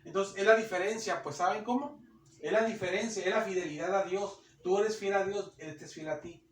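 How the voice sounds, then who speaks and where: Male preacher, high bright voice, echoey distant room, repetitive and conversational. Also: fairly even intonation, fairly quick, a little hiss or hum. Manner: conversational preaching, repeats phrases, acts out churchgoers' voices. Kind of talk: sermon.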